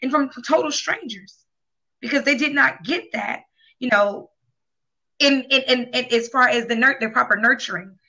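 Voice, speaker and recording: Bright high woman, rambling talk-show co-host. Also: normal speed. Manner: rambling, heavy on filler phrases, earnest and emotional. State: near tears. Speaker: co-host and sex coach. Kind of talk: casual talk show chat. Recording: dull lo-fi sound.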